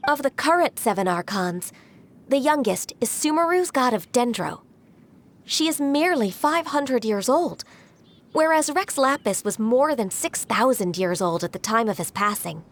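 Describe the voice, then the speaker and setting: A woman voices a gentle, earnest character in a video game cutscene: an ancient half-qilin female adeptus who serves as a secretary. She speaks politely and formally with slight hesitance, her voice on the high side yet close to an everyday register, with background music playing under her lines.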